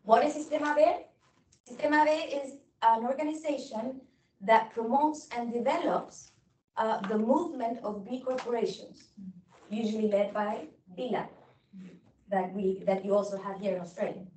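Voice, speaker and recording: A woman from Chile, a native Spanish speaker in her thirties, gives a guest lecture over a video call, often pausing on fillers and restarting sentences. Her voice sits a little high and sounds set back from the laptop mic. The room around her is echoey. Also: a little mellow, distant mic. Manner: hesitant with many fillers and apologetic restarts. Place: indoor room. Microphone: laptop microphone on video call.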